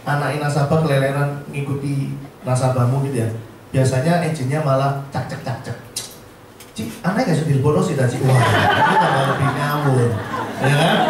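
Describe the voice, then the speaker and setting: Lively man coaching a hall. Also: on the high side. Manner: lively, joking, acts out quoted voices. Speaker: sales trainer for insurance agents. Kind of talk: motivational seminar talk. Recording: roomy, distant mic, faint background noise.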